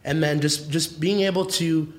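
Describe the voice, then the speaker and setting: A man from Mexico, a restaurant founder appearing as a podcast guest, who speaks in a calm, reflective way in short, measured phrases. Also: a little high. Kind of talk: casual podcast interview.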